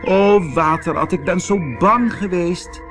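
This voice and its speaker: A man's voice: high-pitched, normal speed, music in the background, pitched above the performer's own voice, close to an everyday voice. A man voicing a timid little male mole who is fearful and worn out, in a pleading, trembling way. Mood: frightened.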